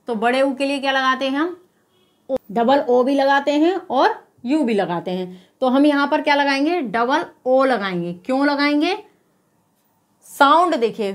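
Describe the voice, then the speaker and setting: A woman teacher explaining spelling step by step, patiently posing questions and then answering them herself. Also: sits high. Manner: checks in with repeated "okay?". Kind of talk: spelling lesson.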